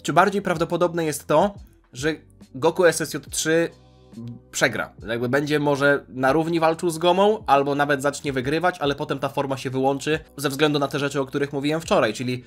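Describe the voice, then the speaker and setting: A man's voice: on the high side, fairly quick, soft background music. A man giving casual video commentary, chatty and analytical as he weighs fan theories aloud. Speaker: YouTube commentator on anime.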